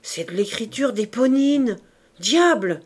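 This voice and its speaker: A woman reading a scheming middle-aged male gang leader, talking loud, urgent and scornful. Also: fairly high pitch, expressive, slow, slightly rough, heavily acted.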